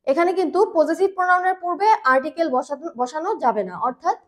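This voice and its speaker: A woman teaching English grammar in a patient, repetitive way, slowing down on key words and using fillers. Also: very high-pitched. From Bangladesh. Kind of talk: grammar lesson explanation.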